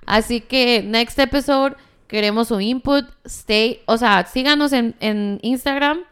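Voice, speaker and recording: A woman with a fairly high, clean and smooth voice chats as a podcast co-host. She banters casually in slangy speech, sliding between Spanish and English. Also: measured pace, fairly bright tone.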